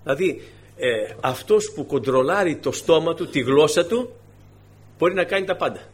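Animated Greek-speaking male preacher. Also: on the high side, a little hiss or hum. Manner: animated, rising to emphatic bursts; conversational, addresses congregation as brothers. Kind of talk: sermon.

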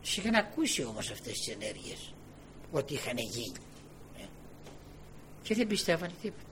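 A man preaching a sermon, firing rhetorical questions and swinging from low murmurs to loud exclaiming. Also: big pitch swings, slight background noise.

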